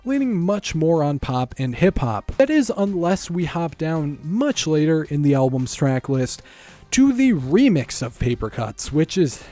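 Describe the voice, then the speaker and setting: A man's voice: fairly high pitch, sing-song, a little slow, mellow. A man narrating a scripted music review in a wry, opinionated tone.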